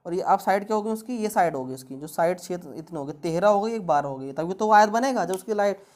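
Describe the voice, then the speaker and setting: A woman's voice: medium pitch, darkish tone. A woman tutoring exam-prep math, talking through each step with rhetorical questions.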